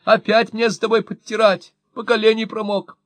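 A man voicing a fretful, shrill middle-aged wife in a storybook reading. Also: lively intonation, moderate pace, no room sound. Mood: scolding. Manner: shrill, scolding, tearful complaining. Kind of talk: audiobook reading.

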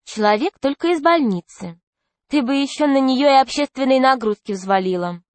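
A woman reading a storybook, voicing a calm, proud schoolgirl with a cool way of talking. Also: high voice, moderate pace, no room sound, pitched above the performer's own voice.

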